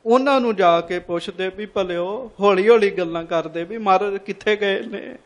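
High-pitched guy preaching a story sermon, keeps repeating lines and asking the crowd questions. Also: moderate pace. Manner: calls the congregation to respond.

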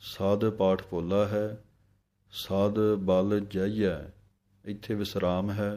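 A man teaching correct pronunciation of scripture, chanting verses slowly and then explaining each word more quickly. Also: on the low side, level tone, warm tone. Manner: alternates slow chanted recitation with quicker spoken explanation. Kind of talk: recitation lesson.

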